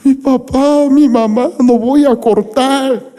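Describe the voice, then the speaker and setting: Man doing a panicky surgeon, voice way up high, begging, echoey hall. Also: fairly even intonation, takes it slowly, warm tone. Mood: pleading. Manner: high, pleading and insistent. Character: frantic male surgeon pleading over his own parent.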